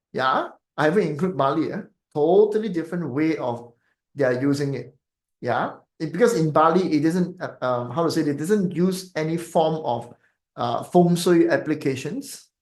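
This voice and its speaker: A man's voice: a little high, reverberant. A Malaysian man with a Malaysian English accent, chatting casually to viewers as a feng shui teacher, rambling with many fillers and tag questions. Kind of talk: casual live-stream talk to viewers.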